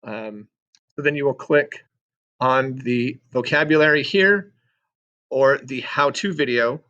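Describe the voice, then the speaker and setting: A man's voice: medium pitch, slow pace, bright, forceful tone, muffled recording. Chatty teacher man with joking asides. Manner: chatty, joking asides, lots of ums and self-corrections. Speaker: sixth-grade social studies teacher. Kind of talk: recorded screen-share class walkthrough.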